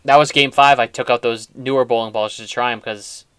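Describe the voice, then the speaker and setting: A man's voice: mid-range voice, fairly even intonation, fairly quick, fairly bright tone, smooth, dry recording. A man hosting a casual chat, talking in a chatty, rambling way with frequent restarts. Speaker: host.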